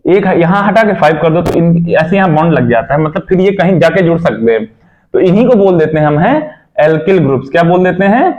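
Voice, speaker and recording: Young guy teaching chem, pretty high voice, keeps asking "got it?". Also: a little mellow, dull audio. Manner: repeats questions to students, frequent checks like "theek hai". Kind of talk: explaining a chemistry lesson.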